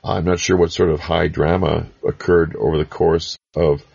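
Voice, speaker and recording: Male podcast host, rambling and folksy, very low husky gravel, dull lo-fi sound. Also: level tone, moderate pace, darkish tone. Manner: rambling, folksy, with pirate banter. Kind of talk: casual recap of past episodes.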